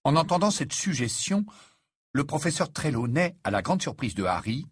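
A man reading a story aloud in an amateur way, halting at times. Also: on the high side, very animated, breathy edge, no room sound, clean studio sound. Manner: hesitant, halting reading with asides.

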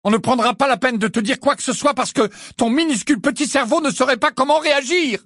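A man voicing an impatient, angry teenage boy in an audiobook, with sharp outbursts. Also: on the high side, animated, normal speed, breathy edge, no room sound, studio quality, pitched above the performer's own voice. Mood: shouting. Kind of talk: audiobook character voice.

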